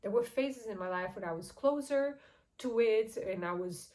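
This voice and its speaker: Speaking English with a Portuguese accent, a young woman from Portugal shares a casual personal story with her channel's viewers. Her voice sits on the high side at a normal speed, candid and chatty, often broken by soft laughs, though the audio quality is poor.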